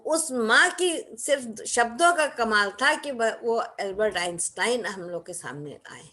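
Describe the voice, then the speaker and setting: A woman's voice: on the high side, animated, measured pace, sharp tone. Emphatic woman giving a motivational talk. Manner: emphatic, acts out quoted lines. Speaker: speaker.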